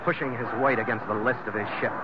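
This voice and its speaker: An actor playing a tough, terse ship's skipper in a hard-boiled 1940s radio style. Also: male voice, medium pitch, steady tone, fast talker, natural voice. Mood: grim, measured. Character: tough, weary, decisive male ship's skipper. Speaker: lead actor and narrator. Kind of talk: 1940s radio acting with first-person narration. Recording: muffled, very noisy old radio recording.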